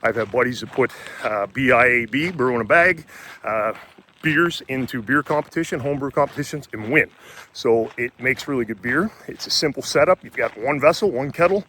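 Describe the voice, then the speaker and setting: A man of middle pitch talks casually while out walking, breathing hard from the effort. He is blunt and chatty, swears now and then, and often restarts his sentences. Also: lively intonation, brisk, bright, forceful tone, slight background noise. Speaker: homebrewing vlogger and brew pub owner.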